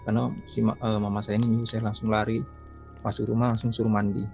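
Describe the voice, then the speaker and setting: A man's voice: fairly low pitch, little pitch movement, fast talker, vocal fry, a little mellow, soft background music. A young man from East Kalimantan telling his own ghost story in a loose, rambling way, repeating himself and acting out his talk with his mother. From East Kalimantan, Indonesia. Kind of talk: casual spoken storytelling.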